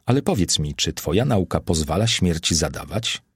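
A man voicing a gentle young freedwoman in an audiobook, soothing and questioning. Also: low voice, very animated, moderate pace, breathy edge, no room sound, studio quality, heavily acted.

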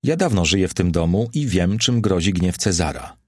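A man voicing a gentle young freedwoman in an audiobook, soothing and questioning. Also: sits low, lively intonation, moderate pace, slightly rough, no room sound, studio quality. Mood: pleading.

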